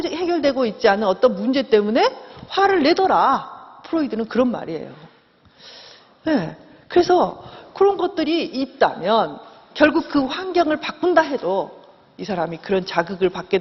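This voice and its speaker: A middle-aged woman lectures with a lively, rising and falling voice and a slightly husky tone. She acts out the voices she quotes as she teaches. The recording is dull and lo-fi, with a long reverb from a large hall. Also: high-pitched. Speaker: professor.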